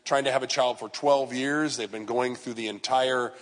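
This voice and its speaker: A man in his fifties preaches in a casual, conversational way, full of self-deprecating asides and the odd loud outburst. His voice sits in an ordinary middle register. It carries the long reverb of a church sanctuary. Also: mid-range voice, fairly even intonation, moderate pace. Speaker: pastor. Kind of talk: sermon.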